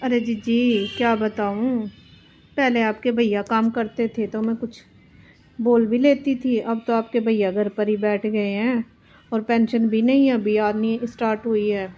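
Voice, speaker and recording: A woman's voice: fairly high pitch, steady tone, unhurried, warm tone, lightly acted. A woman voicing an overworked elderly mother-in-law who complains about her daughters-in-law. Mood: complaining. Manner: complaining, self-pitying. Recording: dull lo-fi with faint music.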